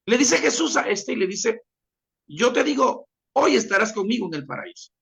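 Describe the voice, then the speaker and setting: A man gives a classroom lecture, leaning on repeated examples and addressing his listeners directly. His pitch moves a lot, rising and falling as he explains. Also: sing-song, measured pace, vocal fry, a bit bright. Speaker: teacher.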